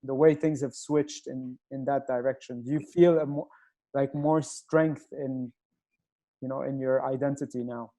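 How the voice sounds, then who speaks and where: Hesitant warm-voiced male host. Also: medium pitch, steady tone, moderate pace. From Nigeria. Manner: hesitant, searching for words. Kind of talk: casual interview talk. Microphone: video call.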